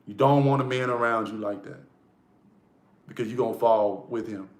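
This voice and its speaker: A man's voice: lowish voice, moderate pace. A man giving a casual motivational monologue, blunt and profane, repeating key lines for emphasis. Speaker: motivational vlogger. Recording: echoey room.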